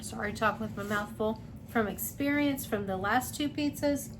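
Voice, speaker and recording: A woman's voice: on the high side, normal speed. A woman chatting casually to her viewers while cooking in a home kitchen. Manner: chatty, friendly, addresses viewers as guys. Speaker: cooking vlogger. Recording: noisy home recording.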